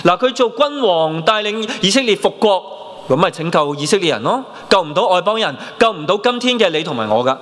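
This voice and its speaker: A man in his thirties with a Hong Kong Cantonese accent, preaching a sermon and telling his own story in an animated way, dropping in English words. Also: sits high, brisk. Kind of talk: sermon with personal testimony. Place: church hall. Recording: long reverb of a church hall.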